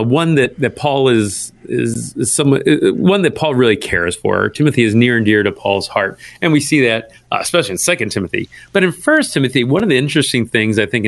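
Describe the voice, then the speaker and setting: A man's voice: mid-range voice, no room sound. A man speaking as a pastor and radio guest, conversational and good-humored as he explains things. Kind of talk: conversational Bible teaching on radio.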